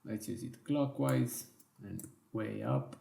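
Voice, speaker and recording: A man teaching a software design tutorial in slow, step-by-step instructions with small self-corrections, his voice worn and going hoarse. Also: mid-range voice, roomy sound. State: losing his voice. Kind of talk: screen-recorded software tutorial.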